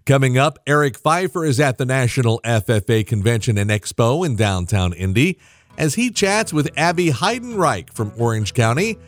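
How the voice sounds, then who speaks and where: A man hosting a farm radio news show, reading his script in a steady announcer delivery. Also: medium pitch, normal speed, no room sound.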